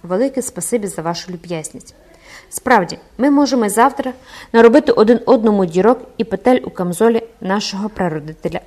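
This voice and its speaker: A woman voicing a proud, hot-tempered young cavalry captain, loud and swaggering. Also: medium pitch, close to an everyday voice. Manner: loud, brash, swaggering delivery.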